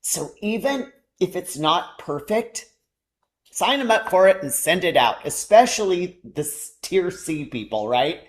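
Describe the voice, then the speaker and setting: Low-voiced woman leading a training session. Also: big pitch swings, unhurried. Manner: conversational, explains step by step. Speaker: real estate trainer. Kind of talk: training presentation.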